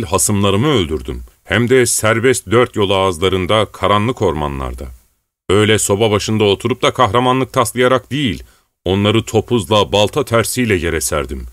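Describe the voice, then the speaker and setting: A man's voice: lowish voice, expressive, moderate pace, fairly bright tone, no room sound. Male reader as a brawling rebel chief, blustering, threatening, dry mic. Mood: boastful. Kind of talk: audiobook reading.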